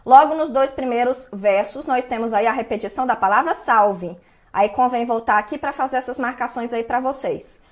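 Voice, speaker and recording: A woman's voice: a little high, normal speed. A woman with a Brazilian Portuguese accent, teaching an online exam-prep lesson in a chatty way and checking in often with her students. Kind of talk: online lesson, going over exam answers.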